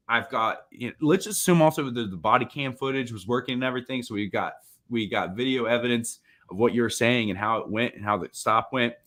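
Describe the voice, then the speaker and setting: A man, a defense attorney, chatting casually on a podcast and acting out what people said in his stories. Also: mid-range voice. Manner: animated storyteller, acts out quotes.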